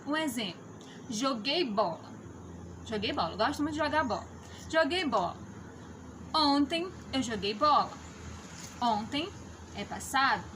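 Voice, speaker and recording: Lady teacher talking to kids, high voice, patient, lots of "né?", hiss behind her. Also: fairly bright tone, poor audio. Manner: patient, explanatory, often checks in with "né?". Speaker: schoolteacher. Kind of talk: remote lesson for children.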